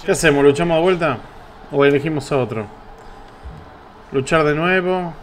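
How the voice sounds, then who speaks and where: An excitable man with an Argentine accent rattles off profane, taunting play-by-play as he plays. His voice sits high, and a faint hiss runs under the recording. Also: moderate pace. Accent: Rioplatense Spanish. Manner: excitable, swearing, taunting the game. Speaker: gameplay streamer. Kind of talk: casual gameplay commentary.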